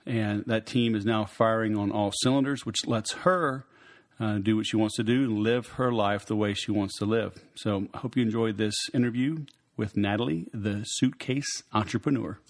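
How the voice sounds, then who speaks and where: A man hosting a podcast in a casual interview style, halting, with frequent ums and pauses. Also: fairly low pitch, fairly even intonation. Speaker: podcast host.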